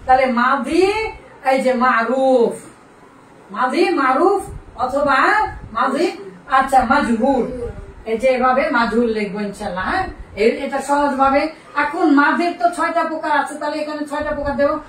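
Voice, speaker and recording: A woman's voice: sits high, normal speed, a bit bright. A woman teaching an Arabic grammar lesson, quizzing her students and repeating the key terms. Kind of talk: classroom lesson. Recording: echoey room, distant mic, faint noise.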